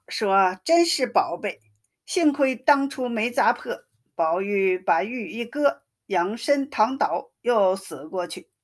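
Slow, steady woman storyteller. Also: mid-range voice. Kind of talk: scripted narration of a classic novel.

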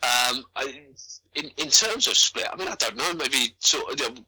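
A man's voice: medium pitch, lively intonation, moderate pace, bright, forceful tone, slightly rough, low-quality recording. A man co-hosting a casual boxing podcast, hesitant and stammering with dry understatement. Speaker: podcast co-host. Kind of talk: casual chat.

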